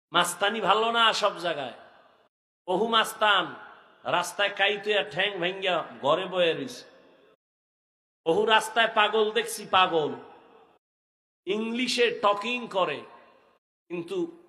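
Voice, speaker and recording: High bright-voiced preacher, ringing reverb. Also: male voice. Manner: impassioned, chanting tune. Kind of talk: Bengali waz sermon with sung passages.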